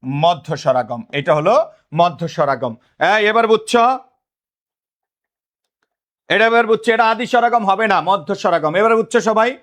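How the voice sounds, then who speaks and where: A man's voice: high voice, lively intonation, moderate pace, pauses often, a bit bright. Bangladeshi man drilling a grammar class. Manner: drilling students with repeated questions; calls himself big brother to students. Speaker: teacher. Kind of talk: live online grammar class.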